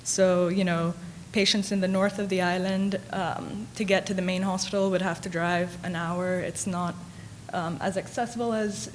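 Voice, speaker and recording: A young Caribbean woman who grew up in Grenada, now a radiology resident, gives a friendly conference presentation as a panel speaker, adding light humor. Her voice is fairly low and steady at a normal speed, with slight background noise in the conference hall.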